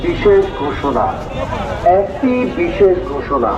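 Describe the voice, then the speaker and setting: Man's announcement over an outdoor loudspeaker. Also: a little high, expressive, slow, music in the background. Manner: formal, repetitive, declaiming. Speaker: public announcer for local administration. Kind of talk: official public announcement. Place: outdoor hill market street. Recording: echoey distant loudspeaker, muffled, busy market crowd. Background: loud market crowd and vehicles.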